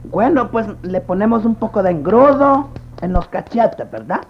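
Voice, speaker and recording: A man playing a cocky, blustering, bungling rustic barber in a slapstick comedy sketch, with a pinched, creaky voice and a Central American accent. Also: sits high, big pitch swings, moderate pace, lo-fi sound, soft background music. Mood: cocky, busy.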